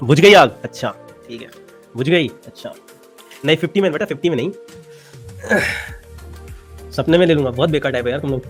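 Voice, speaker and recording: Young Indian male teacher, quick and teasing, lecturing physics over faint music. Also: fairly high pitch. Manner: playful, teasing, mixes in English phrases. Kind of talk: animated classroom lecture.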